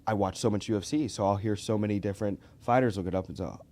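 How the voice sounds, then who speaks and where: A man's voice: on the low side, quick pace, dark tone. A man hosting a casual podcast chat in an agreeable, enthusiastic manner. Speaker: podcast host.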